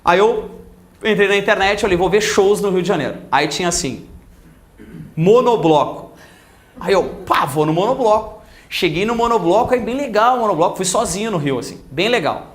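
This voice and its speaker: Brief: Gaúcho man, grammar teacher, high voice, animated and mimicking, echoey classroom sound. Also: moderate pace. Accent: Gaúcho Portuguese. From Rio Grande do Sul, Brazil. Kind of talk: lively classroom lecture with anecdotes.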